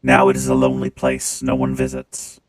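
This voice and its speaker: A man voicing a calm, dutiful male robot steward through a robot voice filter, speaking formally. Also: extremely low pitch, pitched below the performer's own voice. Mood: wistful. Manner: formal, measured, reminiscing. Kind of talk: gameplay stream reading game dialogue.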